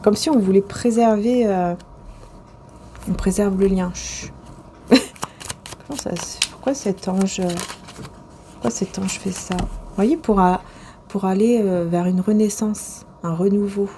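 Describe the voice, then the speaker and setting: A woman's voice: mid-range voice, fairly even intonation, unhurried, pauses often, warm tone, slight background noise. A woman reading tarot cards to the viewer in a casual, rambling way, with many hesitations and restarts. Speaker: tarot and oracle card reader.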